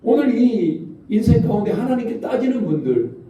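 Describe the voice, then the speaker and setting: A man's voice: extremely high pitch, very animated, moderate pace, muffled recording. A male pastor preaching a sermon, posing questions to the congregation. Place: church sanctuary. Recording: echoey church hall from far off.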